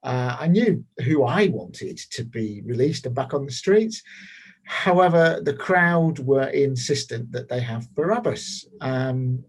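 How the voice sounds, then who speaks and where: Playing a self-justifying, casually callous Roman governor, a male actor gives courtroom testimony that's hesitant, dismissive and conversational. His medium-pitched voice is darkish and husky, lightly acted.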